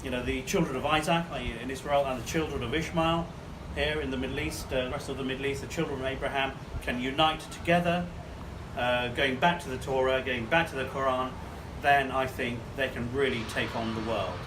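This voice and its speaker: A man's voice: mid-range voice, steady tone, a little fast, distant mic, noisy background. A man from Bangladesh, talking to camera outdoors in a city in a rambling monologue full of fillers. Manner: rambling, hesitant, with many fillers. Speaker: vlogger giving commentary.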